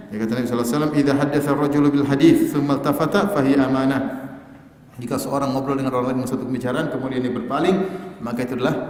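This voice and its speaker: A man giving an Islamic lecture in a casual, joking way, acting out short exchanges as he teaches. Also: medium pitch. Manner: lively, joking, acts out little dialogues. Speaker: Islamic preacher. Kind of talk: religious lecture. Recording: echoey hall with long reverb.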